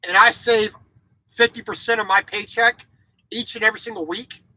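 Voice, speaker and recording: Blunt and full of opinions, a truck driver in his forties, once a military child in Japan, vlogs a casual monologue from the tight indoor space of his sleeper cab, often restarting and repeating words. He speaks at normal speed in a high, steady voice that is bright and forceful. The recording is dry and rough.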